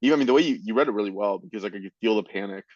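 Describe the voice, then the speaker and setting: A man co-hosts a podcast in casual conversation, easygoing and responsive. His voice sits a little low, dry and close. A slightly dull, lo-fi mic takes the edge off his sound. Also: rapid-fire, dry recording. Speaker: podcast co-host. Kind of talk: casual chat.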